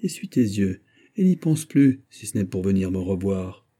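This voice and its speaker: A man voices a lecherous noble prince, mocking and pushy, in a smug, coaxing, teasing manner. His mid-range, dark voice is pitched above his natural one yet stays close to everyday speech, at normal speed.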